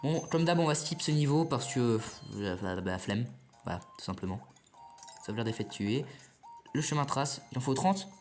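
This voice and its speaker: A man's voice: mid-range voice, expressive, normal speed, faint music behind. A man giving casual, rambling commentary on a video game as a let's play host, chatting to his viewers and swearing now and then.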